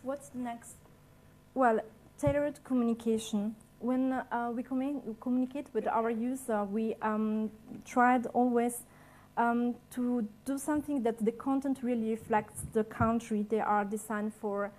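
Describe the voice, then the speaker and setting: A woman's voice: on the high side, steady tone, a little slow, a little mellow. Hesitant woman presenting. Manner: hesitant, many fillers and restarts, non-native phrasing. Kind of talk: conference presentation. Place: conference hall.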